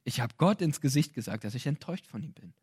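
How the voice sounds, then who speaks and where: A man giving a sermon in a casual, colloquial way, acting out quotes with lively storytelling and light laughs. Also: medium pitch, fast, breathy edge. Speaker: preacher.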